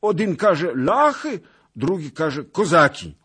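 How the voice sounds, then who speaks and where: A man's voice: on the high side, very animated, slow pace, a bit bright, husky, voice pushed up, heavily acted. A man voicing a frightened old male beggar who pleads and stammers in rustic peasant speech. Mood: frightened pleading.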